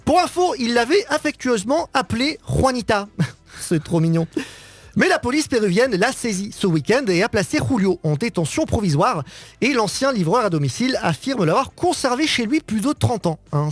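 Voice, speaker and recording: A man's voice: sits high, no echo. A man presenting a comic news segment on a radio show. He talks in a playful, joking way and keeps dropping a casual "hein" into his sentences. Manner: playful, jokey, peppers talk with "hein". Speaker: radio columnist. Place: radio studio.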